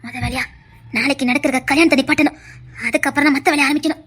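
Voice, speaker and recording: A stern, scheming aunt, voiced by a woman, hands down orders in a low, deliberate voice. Her Tirunelveli Tamil accent gives the comedy serial a village flavor. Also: steady tone, a bit bright. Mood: firm. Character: stern scheming middle-aged aunt, head of family.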